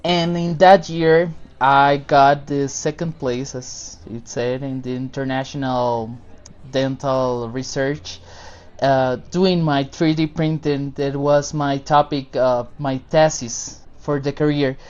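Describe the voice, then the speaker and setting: A man's voice: mid-range voice, fairly even intonation, takes it slowly, darkish tone, clean tone, muffled recording. A man, a guest chatting casually and informally about his work. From Costa Rica. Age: 20s. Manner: friendly, informal, loose non-native phrasing. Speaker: podcast guest, dentist. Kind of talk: casual interview answers.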